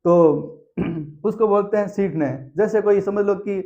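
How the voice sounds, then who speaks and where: A male teacher with a high, mellow voice tells a lively story to make exam facts stick. He repeats the key answers like a drill. The recording sounds a little dull and lo-fi. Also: takes it slowly, vocal fry. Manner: animated storyteller who acts out aunts and sings snatches of songs. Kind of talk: exam-prep lesson with storytelling.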